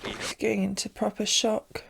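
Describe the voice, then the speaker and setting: A woman's voice: mid-range voice, steady tone, measured pace, creaky, very noisy. A young British woman giving casual reaction commentary on a show as she watches. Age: young adult. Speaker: reaction host.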